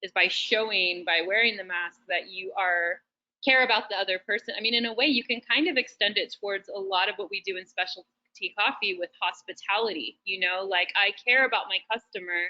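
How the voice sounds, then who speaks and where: A woman's voice: medium pitch, brisk, bright, forceful tone, highs cut off. A woman chatting casually as host of an online session, full of fillers and restarts. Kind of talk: casual webinar chat. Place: shared roasting facility.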